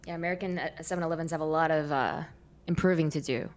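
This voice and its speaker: A woman's voice: low-pitched, steady tone, quick pace. Woman reading out viewer questions. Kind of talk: casual Q&A chat.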